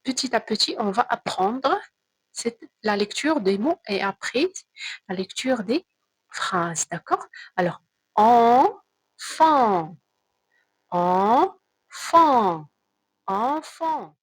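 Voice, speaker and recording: A woman teacher giving a slow, careful reading lesson to children, spelling out sounds and repeating words. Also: mid-range voice, lively intonation, a bit bright, husky, no echo, poor audio.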